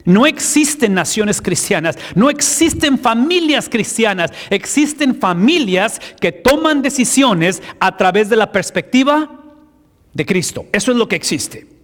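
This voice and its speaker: Male pastor, high register, emphatic sermon with rhetorical questions, long hall reverb. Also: lively intonation, a little slow, fairly bright tone.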